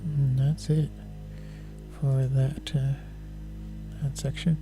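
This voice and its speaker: A man giving casual, low-key live-stream commentary as he works on photos, unhurried, with music behind him. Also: flat delivery.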